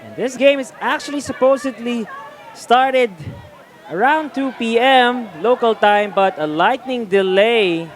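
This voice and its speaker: A man with a strikingly high voice calls live play-by-play at a slow, deliberate pace. A crowd murmurs loudly behind him, with outdoor noise clearly heard. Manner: calls the action, rising when plays happen. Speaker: play-by-play commentator. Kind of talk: live sports commentary.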